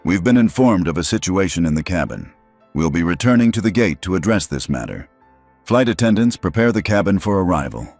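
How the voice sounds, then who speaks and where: A man's voice: low-pitched, big pitch swings, fairly quick, darkish tone, no echo, soft background music, exaggerated voice. A man voicing an airline captain making formal announcements over the intercom.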